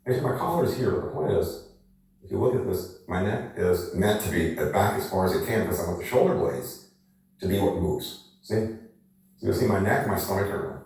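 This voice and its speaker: A man demonstrating energy exercises to the camera, talking in a lively, coaxing way and asking rhetorical questions. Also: low-pitched, fairly quick. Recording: very echoey room, voice from a distance.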